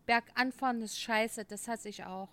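A woman in her thirties with a slightly high voice talks as a podcast co-host. She speaks in casual, slangy banter between friends. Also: steady tone, normal speed, a bit bright. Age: 30s.

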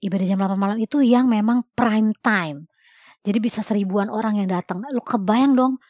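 A woman, a church music committee member, telling a story in a lively, slangy way and mixing in English words. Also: medium pitch, fairly quick, dry recording, studio quality. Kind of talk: casual storytelling monologue.

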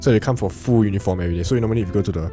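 Young Singaporean male, quick, mellow delivery, colloquial and casual. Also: fairly low pitch. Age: young adult. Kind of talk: casual chat. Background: faint guitar music.

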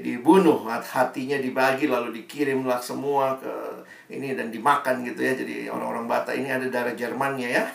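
Guy preaching, animated, does little voices, echoey room, mic kinda far off. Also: mid-range voice, vocal fry. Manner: animated, acts out quoted voices. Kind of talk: sermon.

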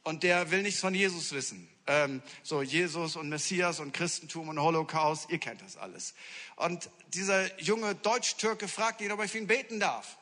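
Bright-voiced pastor preaching in an echoing hall. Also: male voice, fairly high pitch, moderate pace. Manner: lively storytelling with acted-out quotes and humor; switches between hushed asides and sudden loud exclamations. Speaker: senior pastor. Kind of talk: sermon. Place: church hall. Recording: long reverb of a large hall.

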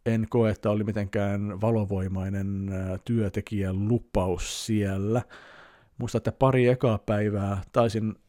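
A man's voice: lowish voice, fairly even intonation, dark tone, dry recording, studio quality. A man in his thirties, a podcast host answering listener questions in casual chat, rambling and hesitant with many fillers.

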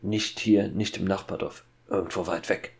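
A man's voice: deep voice, steady tone, normal speed, vocal fry. A man voicing an anxious, cornered woodcutter father in a horror fairy-tale audiobook. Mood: tense. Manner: tense and anxious. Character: desperate bearded woodcutter father.

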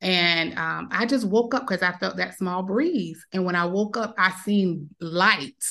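A woman's voice: fairly low pitch, a little slow, gravelly, bright, forceful tone. Woman telling a personal story. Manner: emotional retelling, acts out quoted voices. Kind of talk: casual storytelling.

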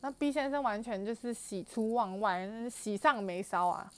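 A woman's voice: on the high side, normal speed, fairly bright tone, smooth, no echo. A young woman with a Taiwanese Mandarin accent, animatedly retelling a personal story for her vlog with frequent fillers and exclamations. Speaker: vlogger. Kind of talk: storytelling to camera.

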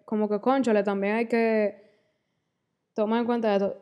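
A woman co-hosting a podcast in relaxed casual chat, with lots of fillers. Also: mid-range voice, moderate pace, muffled recording. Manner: chatty, frequent fillers. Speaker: podcast co-host.

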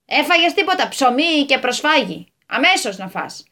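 A woman's voice: high-pitched, big pitch swings, pushed and bright, heavily acted. A woman voicing a hot-tempered, bossy male landowner who talks in a flustered rush in a radio story. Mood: fretful bossy.

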